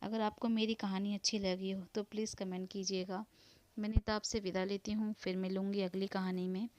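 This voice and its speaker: A woman tells a first-person life story with earnest feeling. Her voice is smooth and clear at a middle pitch, recorded close and dry with no room echo. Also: level tone, moderate pace, darkish tone.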